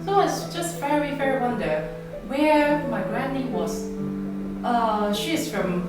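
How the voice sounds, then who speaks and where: An artist and storyteller from Macau, whose first language is Cantonese, shares family stories slowly, gently and reflectively during a live performance before an audience in a venue hall. Her voice is fairly high-pitched with lively intonation. The recording picks her up from afar in an echoey hall, with instrumental music in the background.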